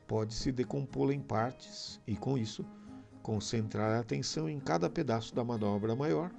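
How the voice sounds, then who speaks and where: A man narrating a training lesson in a slow, measured scripted read. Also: lowish voice, gravelly, dark tone.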